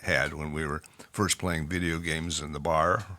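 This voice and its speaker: A man with a Canadian accent co-hosting a podcast in casual chat, pausing often on fillers as he talks. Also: a bass voice, steady tone, sharp tone. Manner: halting, with many fillers. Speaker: podcast co-host, clinician.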